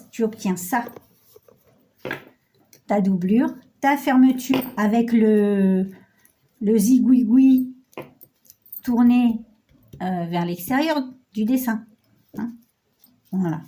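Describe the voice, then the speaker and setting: A woman's voice: medium pitch, mellow. A middle-aged woman with a stuffy cold, chatty and self-mocking as she talks the viewer through a sewing project on her phone camera. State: nasal with a cold. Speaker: sewing tutorial host. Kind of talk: casual sewing tutorial.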